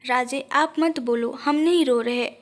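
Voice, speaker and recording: A woman voicing a timid, innocent young wife in an audio story, talking softly and pleadingly. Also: sits high, unhurried.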